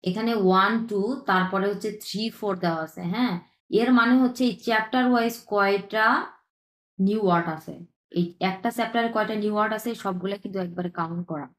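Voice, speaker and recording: A woman teaching an online language lesson, who says each word slowly two or three times and checks in with short questions. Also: mid-range voice, fairly bright tone, reverberant. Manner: repeats words slowly, checks in with "হ্যাঁ?".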